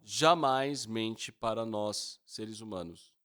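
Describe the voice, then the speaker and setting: A man's voice: on the low side, slow, fairly bright tone, clean tone. A man interpreting a sermon, telling a personal story and acting out the dialogue in it. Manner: storytelling, acts out dialogue with raised voice.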